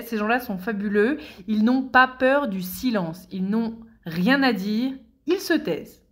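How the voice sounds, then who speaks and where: A woman columnist with a fairly high voice delivers a humorous scripted column. She talks in a playful, chatty way and keeps slipping in comic asides, as if confiding in her listeners.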